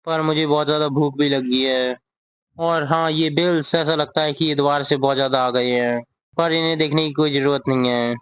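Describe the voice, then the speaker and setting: A timid, ashamed teenage boy, spoken in a flat, even line by a man reading him out. The voice sits a bit high and stays very level. It comes through a dull lo-fi recording. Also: fairly quick, clean tone, close to an everyday voice.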